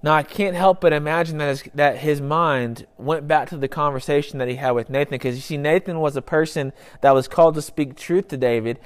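A man's voice: on the high side, steady tone, brisk, few pauses, smooth. A young man preaching a sermon in an earnest, conversational way, repeating phrases for emphasis. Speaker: pastor.

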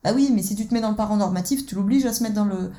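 A woman's voice: medium pitch, very fast, dark tone. A woman coaching on relationship conflict, talking casually and addressing the listener directly. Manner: conversational, addresses the listener directly, acts out dialogues. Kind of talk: explanatory teaching talk.

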